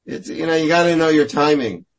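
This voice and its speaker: A man's voice: on the high side, a little fast, rough recording. A man giving a reflective spiritual talk as a guest, often repeating words as he searches for his phrasing. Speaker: guest speaker answering questions on faith.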